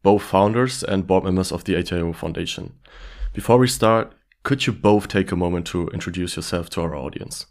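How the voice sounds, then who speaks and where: A man's voice: low-pitched, a little fast, creaky. A man hosting an interview podcast, asking formal, scripted-sounding questions. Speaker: podcast host.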